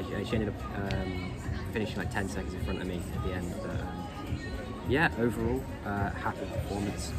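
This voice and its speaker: A young man with an English accent talks casually to his vlog in a low, fairly flat voice. His delivery is halting and understated, and loud music plays behind him. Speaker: competitive runner and vlogger.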